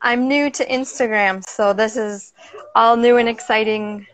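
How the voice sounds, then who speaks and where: A woman in her forties with a Minnesota accent, a guest chatting casually on a video call from a sailboat, bubbly and quick to laugh. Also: a little high, steady tone, dry recording. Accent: Minnesota American. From Minnesota, USA. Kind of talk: casual interview chat. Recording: dry, dull video call audio.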